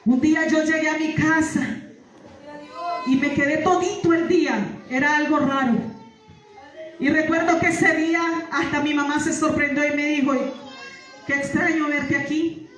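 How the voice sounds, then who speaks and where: A woman gives a church testimony, her voice ringing through a very reverberant hall. She stands well back from the microphone, so the sound is distant. She keeps repeating her phrases and calling out praise, building into fervent shouts. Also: sits high, steady tone, moderate pace, pauses often. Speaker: testimony giver. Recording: echoey hall, far from mic.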